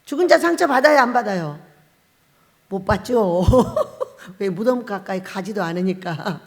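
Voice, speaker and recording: A woman's voice: mid-range voice, lively intonation, a little slow. A woman pastor giving a revival sermon, telling stories and acting out the voices she quotes. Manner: storytelling, acts out quoted voices, laughs often. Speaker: pastor, head of a fasting prayer house. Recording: long hall reverb.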